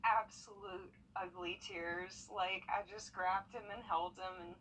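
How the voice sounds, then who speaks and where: A woman interviewed for a local news report, recounting her story in an animated, heartfelt way. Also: mid-range voice, measured pace, low-quality recording. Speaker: pet owner interviewed. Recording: faint background noise.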